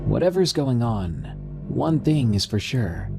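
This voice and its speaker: A man narrating a horror story in a measured storytelling style. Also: medium pitch, big pitch swings, over music.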